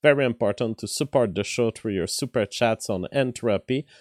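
A man with a weak voice, hosting a casual livestream commentary in halting, deliberate phrases. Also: medium pitch, no room sound, studio quality. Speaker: livestream host. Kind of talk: casual livestream commentary, reading viewer messages.

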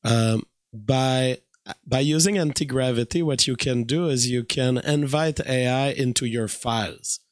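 A man with a weak voice giving a casual, halting tutorial narration as he presents a screen recording. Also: medium pitch, no echo, clean studio sound. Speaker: streamer and hobby game programmer.

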